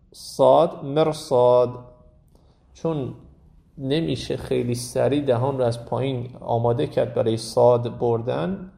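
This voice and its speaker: Deep gravelly male recitation teacher. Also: dark tone. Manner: explains rules, then slowly repeats example words aloud. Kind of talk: tajweed lesson with recited examples.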